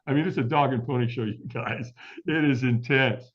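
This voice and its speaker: A man's voice: medium pitch, brisk. A middle-aged man as an interview guest, telling a story in a vivid way and acting out the quoted dialogue. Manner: vivid, acts out quoted dialogue, laughs often. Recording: dull lo-fi audio.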